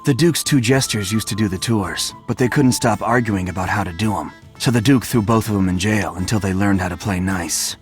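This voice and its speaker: An actor playing a surly door guard in a video game, curt and sardonic in manner. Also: male voice, lowish voice, fairly quick, hardly any pauses, soft background music, close to an everyday voice. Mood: gruff, dismissive. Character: surly, deadpan male guard at a duke's door. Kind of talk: video game character acting.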